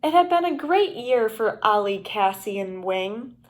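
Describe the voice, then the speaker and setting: A woman teacher with a voice on the high side reads a picture book aloud to young children. She tells the story deliberately and expressively.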